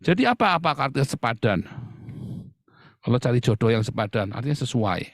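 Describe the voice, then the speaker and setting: A man's voice: medium pitch, big pitch swings, a little fast, dry recording, studio quality. A middle-aged man preaching a sermon to his congregation, acting out playful mock quotes as he goes. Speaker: pastor.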